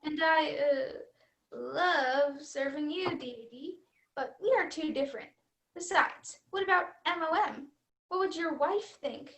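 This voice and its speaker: A woman's voice: high voice, measured pace, fairly bright tone. A woman playing an overly polite robot vacuum who talks in stiff, formal android diction. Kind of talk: stage comedy acting.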